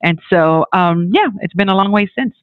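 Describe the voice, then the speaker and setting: Lively man from the Dominican Republic on a phone-like line. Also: high voice, normal speed, dry recording. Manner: animated, many restarts and fillers. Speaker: guest, technology executive. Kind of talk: conversational interview.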